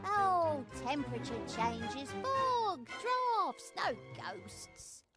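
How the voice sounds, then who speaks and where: A woman's voice: high-pitched, big pitch swings, drawn-out words, over loud music, heavily acted. A woman playing a flustered, stubbornly skeptical potion brewer in an adventure game, fretful and exclamatory. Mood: dismissive. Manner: fretful, exclamatory, clipped word-by-word dismissals. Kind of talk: acted adventure game dialogue.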